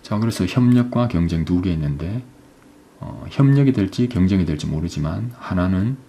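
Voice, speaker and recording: A man explains an exam passage step by step while teaching English, often asking "right?" and reading English phrases slowly. His low-pitched voice is expressive and mellow, with some vocal fry.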